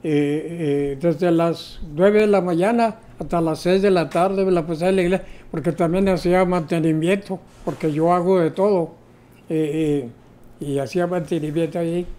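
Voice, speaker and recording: A man's voice: fairly high pitch, steady tone, normal speed, dark tone. An older man, telling his personal testimony as an interview guest, hesitant, with many fillers. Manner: storytelling, hesitant with repeated fillers. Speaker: interview guest, former co-pastor.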